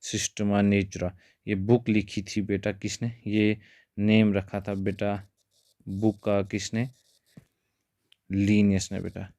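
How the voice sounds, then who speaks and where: A male biology teacher explains exam points in a steady lecture, calling his students "beta" and mixing in English terms. His voice sits fairly low and barely rises or falls. The sound is dry and close, with no room echo. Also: takes it slowly, long pauses.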